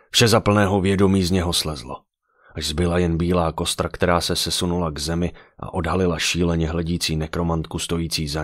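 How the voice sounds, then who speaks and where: A man narrating a dark fantasy audiobook with dramatic storytelling. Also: low-pitched, no echo, studio quality.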